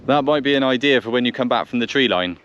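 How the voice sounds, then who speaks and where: Out in the countryside beside a vehicle, a quick-paced man with a mid-range, slightly bright voice gives casual commentary to camera and chats over a radio, pausing and thinking aloud. The recording sounds dull and picks up noisy outdoor vehicle sounds.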